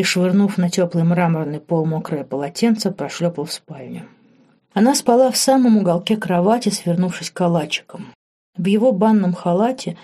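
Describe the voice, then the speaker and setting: Audiobook narrator, woman, low warm mellow voice, measured. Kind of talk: scripted narration.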